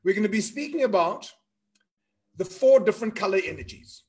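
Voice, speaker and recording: High-voiced playful coach on a video call. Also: male voice, brisk, slight background noise. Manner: playful, animated, repeats phrases. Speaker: guest speaker coach. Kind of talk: interactive online workshop talk.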